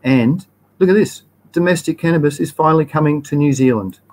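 A man's voice: a little high, brisk, a little mellow, poor audio. An Australian man hosting a live stream, chatting casually in a rambling, slangy way and often correcting himself mid-sentence.

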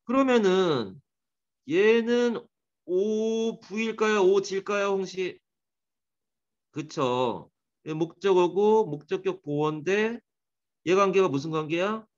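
A man's voice: high voice, expressive, slow, long pauses, lo-fi sound. A man teaching an English grammar class, quizzing and teasing his students by name as he goes.

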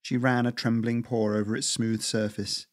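A man's voice: medium pitch, little pitch movement, moderate pace, no room sound, studio quality. A man hosting a podcast and reading his own fantasy flash fiction aloud, with a hesitant, filler-heavy intro. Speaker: podcast host and author.

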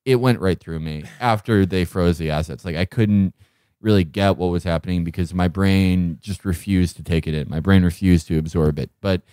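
A man's voice: deep voice, moderate pace, dark tone, clear, resonant tone, no room sound, clean studio sound. A man co-hosting a podcast, recapping a TV episode in a rambling, sardonic way and laughing mid-sentence. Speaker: podcast co-host. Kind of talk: comedic show recap.

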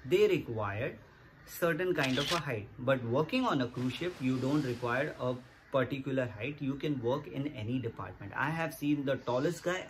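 Guy in his 30s, earnest vlog explainer, music going under him. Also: mid-range voice. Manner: earnest, repeats points, direct appeals to viewers. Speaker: vlogger. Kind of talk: casual explainer talking to camera. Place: small indoor room against a plain wall.

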